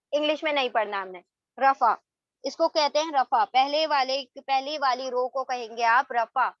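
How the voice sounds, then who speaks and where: A woman's voice: sits high, a bit bright, no room sound, highs cut off. A woman teaching a beginners' Arabic grammar lesson, explaining slides and often checking that her students follow. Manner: mixes English terms into her Urdu, checks in with "theek hai?".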